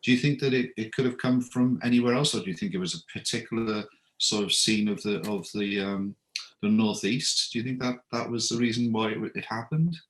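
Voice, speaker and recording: Low voiced guy asking rambly interview questions, lots of ums. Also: a little fast, poor audio. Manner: hesitant, searching for words with fillers.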